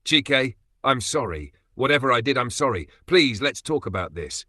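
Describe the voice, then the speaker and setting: A man's voice: mid-range voice, big pitch swings, normal speed, sharp tone, no room sound, studio quality, pitched above the performer's own voice. A man voicing a heartbroken young wife who begs her husband through tears. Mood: begging. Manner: tearful, begging.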